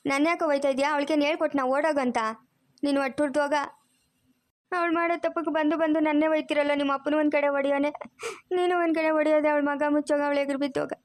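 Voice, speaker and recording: Cartoon grandma over 60 voiced by a woman, rural Chikkaballapur Kannada accent, fast and high, scolds, repeats curses. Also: level tone, dry recording, close to an everyday voice. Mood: aggrieved. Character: quarrelsome old grandmother, cursing and self-pitying. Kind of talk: cartoon voice acting.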